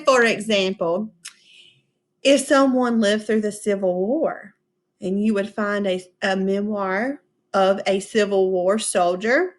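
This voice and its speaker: A woman teacher reading a storybook aloud to children, pausing to ask them questions and explain words. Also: medium pitch. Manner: expressive, asks the children questions, slow and patient. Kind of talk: storybook read-aloud with class discussion.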